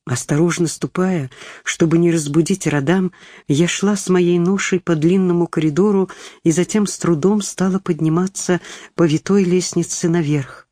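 Calm woman reading a storybook aloud. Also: fairly low pitch, normal speed, no room sound. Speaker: audiobook reader. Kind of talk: scripted narration.

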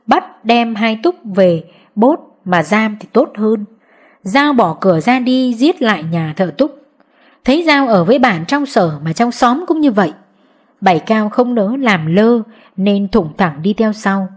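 A woman narrating an audiobook in a steady storytelling manner. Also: a little high.

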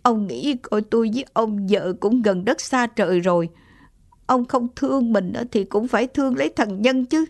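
A woman's voice: on the high side, measured pace, darkish tone, no echo, voice pushed up. A woman reading an audiobook story, voicing a grieving old grandmother who pleads through tears. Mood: pleading.

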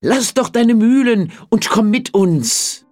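An eager young fairy tale soldier, as a woman narrator puts him on, full of admiration and polite charm. His pitch swings about with enthusiasm. He sounds a little louder and further from the mic than the narration. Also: takes it slowly, soft background music. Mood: admiring. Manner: lively, enthusiastic.

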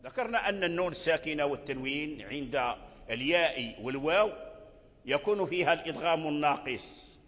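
A man with a Moroccan accent teaching Quran recitation rules step by step, chanting short verse examples slowly to illustrate each point. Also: fairly high pitch, expressive, fairly bright tone, long reverb tail. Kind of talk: tajweed lesson.

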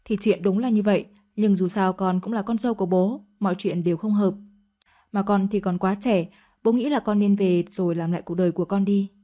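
A calm, restrained man in his forties as a woman reads him speaks gently in an audio story. The tone is soft and mellow. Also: mid-range voice, a little fast, lightly acted. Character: calm middle-aged father-in-law, 45.

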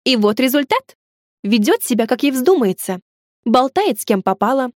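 A woman's voice: on the high side, very animated, normal speed, a little mellow, dry recording, clean studio sound. A woman playing a bossy, irritable blonde. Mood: scolding. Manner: syrupy, then snappish.

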